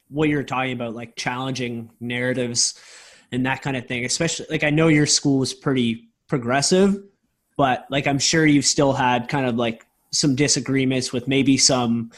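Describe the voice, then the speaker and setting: Male co-host, casual, filler-heavy questions, mid-range voice. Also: medium pitch. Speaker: podcast co-host. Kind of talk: casual conversation.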